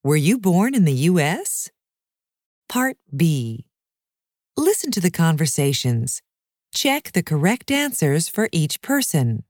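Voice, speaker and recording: A woman's voice: lowish voice, big pitch swings, slow pace, darkish tone, dry recording, studio quality. A woman reading scripted instructions for a language lesson. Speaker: audio narrator.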